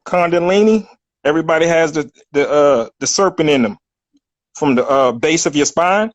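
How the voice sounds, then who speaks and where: Halting man calling in, dry sound. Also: a little high, no room sound. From Virginia. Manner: halting, repeats words, slangy. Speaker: caller. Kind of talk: casual call-in chat.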